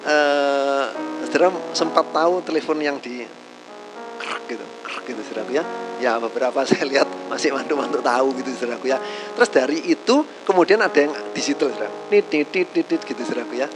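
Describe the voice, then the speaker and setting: A man's voice: mid-range voice, fast, music in the background, poor audio. A man preaching a casual, joking sermon to a congregation, tagging nearly every phrase with a call to his listeners. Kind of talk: conversational sermon.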